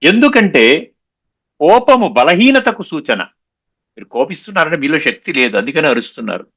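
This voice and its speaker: A man giving a spiritual discourse, explaining patiently, slowing down on key sayings and often checking that listeners understood. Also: a little high, bright, forceful tone. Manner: mixes English words into his talk; repeats and slows down on key sayings. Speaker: spiritual lecturer.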